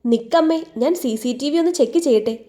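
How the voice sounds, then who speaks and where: A man's voice: very high voice, normal speed, warm tone, voice pushed up. A woman voicing a young wealthy husband who snaps out impatient questions. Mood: brisk.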